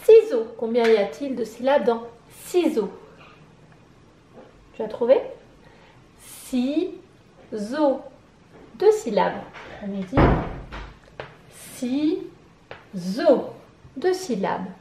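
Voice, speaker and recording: A woman with a French accent, teaching syllables to a young child, clapping out each syllable slowly and asking questions. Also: on the high side, lively intonation, mellow, echoey room, slight background noise. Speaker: preschool teacher. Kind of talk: slow, sing-song phonics lesson for young children.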